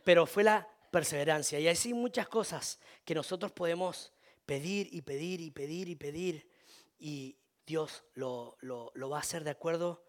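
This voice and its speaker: A man's voice: fairly high pitch, moderate pace. A man preaching a sermon, repeating himself, restarting often and calling for amens. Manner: repetitive, many restarts, calls for amen.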